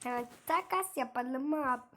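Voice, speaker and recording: A woman's voice: high voice, moderate pace, pushed and bright, slight background noise. A woman giving casual gameplay commentary, muttering and cursing at the game and chatting to her viewers. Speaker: gaming streamer.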